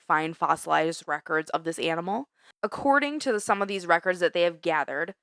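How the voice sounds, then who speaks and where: A woman co-hosting a casual podcast, animated and exasperated, swearing freely. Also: on the low side, smooth, dry recording. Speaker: podcast co-host. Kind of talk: casual chat.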